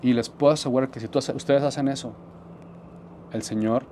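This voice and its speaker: A man preaching, sharing a personal testimony with earnest conviction. He repeats key phrases and sinks into quiet tones to stress them, at a middle pitch. A faint hiss sits under the recording. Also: steady tone, fairly quick. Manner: earnest, repetitive, drops to soft tones for emphasis. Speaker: pastor. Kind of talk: sermon testimony.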